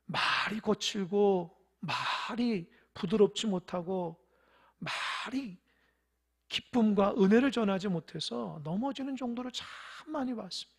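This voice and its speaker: A pastor delivers a sermon in church, telling parables and putting questions to the listeners. The delivery swings from loud, emphatic stresses to hushed, near-whispered asides. The voice is husky with a gravelly rasp. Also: mid-range voice, unhurried. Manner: tells parables, asks the congregation questions.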